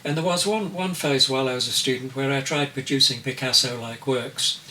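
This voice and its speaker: Pausing often and weighing every word, an elderly artist in his eighties gives reflective interview responses in a slow, searching manner. His medium-pitched voice sounds bright but distant, since he sits back from the mic, with a faint hiss in the recording.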